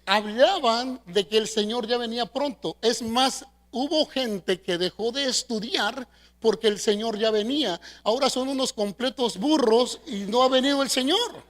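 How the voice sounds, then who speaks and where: A middle-aged Mexican pastor preaches in a high, bright voice. He calls on the congregation to repeat his words and shifts from forceful emphasis to hushed asides. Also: moderate pace. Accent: Mexican Spanish. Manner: preaching with call-and-response, asking the congregation to repeat after him; shifts between loud emphasis and soft asides. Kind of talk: sermon.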